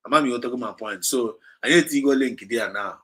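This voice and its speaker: His voice is medium in pitch and husky, and he talks a little quickly. A Nigerian-accented man hosting a livestream, he fervently exhorts his listeners, repeating himself and mixing English with Igbo.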